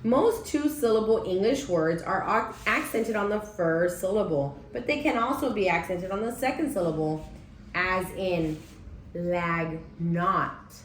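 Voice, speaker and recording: A woman teacher of middling pitch leads a demonstration reading lesson at an unhurried, patient pace, often pausing to check her listeners are following. The room is noticeably echoey, with a faint hum of ambience underneath. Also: animated.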